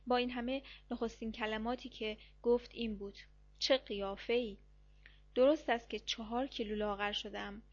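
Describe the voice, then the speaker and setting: A woman with a slightly high voice reads a first-person diary story at a steady, measured pace. Her narration is calm and even throughout. The recording sounds muffled and lo-fi, with the top end dulled. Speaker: audiobook narrator. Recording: dull lo-fi recording.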